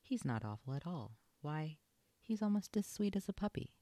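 A reader voicing a prim, sweet young female spaniel in a polite, gentle manner, as whispered role-play from a storybook. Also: medium pitch, big pitch swings, moderate pace, dry recording.

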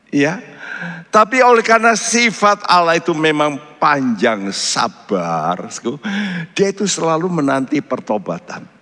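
Male pastor, slow emphatic sermon, long church reverb. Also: mid-range voice. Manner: slow, emphatic preaching with dramatic swings in loudness.

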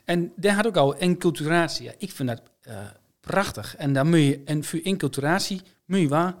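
Higher-pitched man, broad eastern Dutch accent. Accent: eastern Dutch regional (Low Saxon). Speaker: teacher. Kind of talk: casual conversation in dialect.

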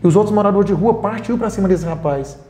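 A man's voice: high-pitched, quick pace, warm tone. A Brazilian man who founded a charity for homeless people, earnestly telling stories in an interview and acting out the dialogue. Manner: earnest, retells scenes with quoted dialogue. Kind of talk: interview storytelling. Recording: roomy echo.

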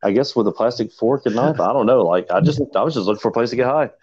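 A man's voice: medium pitch, animated, fast talker, darkish tone, slightly rough. A man co-hosting a casual podcast, laid-back and blunt, telling a crude anecdote. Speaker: podcast co-host. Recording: dull lo-fi sound.

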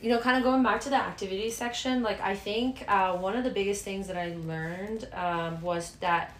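A woman's voice: mid-range voice, steady tone, moderate pace, slight background noise. A young woman co-hosting a podcast, chatting casually with lots of fillers. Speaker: podcast co-host. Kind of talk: casual chat. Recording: echoey room.

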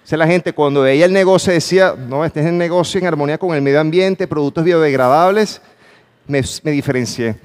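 Male motivational speaker with a fairly high voice, pitching questions to a live audience and hammering his points home. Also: brisk. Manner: emphatic, calls for audience response. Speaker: conference speaker. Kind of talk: motivational talk. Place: conference hall with a live audience.

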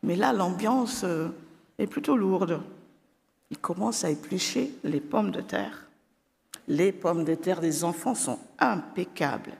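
Slow gravelly storyteller in a reverberant hall. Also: medium pitch, expressive. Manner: hesitant, with frequent fillers.

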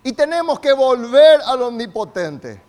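A man delivers a sermon in a very high voice. He calls on the congregation to repeat after him, and his delivery climbs to shouting. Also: very animated, a little slow. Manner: call-and-response preaching, builds to shouts. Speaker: pastor.

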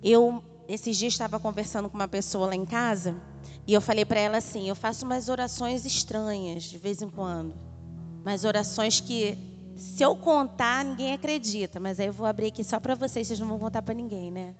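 A woman's voice: mid-range voice, fairly quick, long reverb tail, over music. A woman preaching a sermon at a women's conference, talking with the audience in an intimate way and repeating short, emphatic phrases. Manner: conversational and intimate, asides to the audience. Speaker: deaconess preacher.

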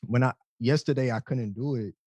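A man's voice: medium pitch, fairly quick, a little mellow, slightly rough, no echo. A young man co-hosting a podcast, talking in laid-back, blunt casual chat full of slang. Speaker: podcast co-host.

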